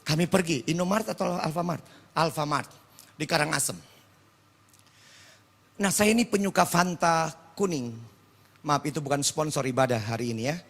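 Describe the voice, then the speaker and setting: A man preaching a sermon, moving between shouted proclamation and quiet personal storytelling. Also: a little high, moderate pace, creaky, long pauses.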